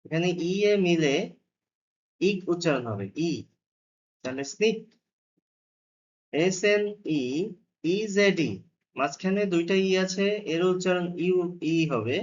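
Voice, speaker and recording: A man's voice: sits high, lively intonation, slow, long pauses, dull audio. A man teaching a beginners' spelling lesson. He spells each word letter by letter, then sounds it out syllable by syllable. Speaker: phonics teacher.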